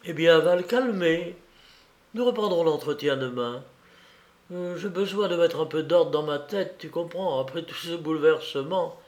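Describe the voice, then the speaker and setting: A man's voice: on the high side, normal speed, close to an everyday voice. A man reading aloud voices a hesitant young woman whose voice is grave and musical. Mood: calm resolve. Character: sad young woman, then calmly decided.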